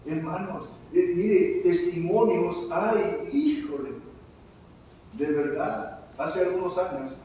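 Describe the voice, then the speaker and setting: A man's voice: high voice, expressive, slow, warm tone, a little hiss or hum. A man from Mexico, a pastor preaching a sermon, telling a personal story and calling the congregation brothers. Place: church hall. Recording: echoey church hall from far off.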